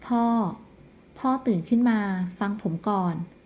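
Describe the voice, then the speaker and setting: Woman narrator doing a grieving son, pleading and slow, mellow recap reading. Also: mid-range voice, close to an everyday voice. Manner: pleading, distraught. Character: grieving young man who just lost his father. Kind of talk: storyteller reading a drama recap.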